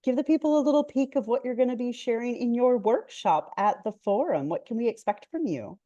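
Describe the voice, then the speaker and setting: A woman's voice: fairly high pitch, animated, a little fast, dark tone, dry recording, dull audio. A woman hosting an interview over a video call, upbeat and promotional as she introduces her guest. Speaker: host.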